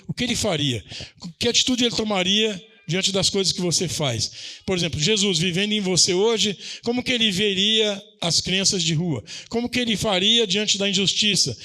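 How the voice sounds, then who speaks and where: A man's voice: sits high, bright, forceful tone. A man, a pastor, preaching a sermon in a church, asking rhetorical questions and building to emphatic passages.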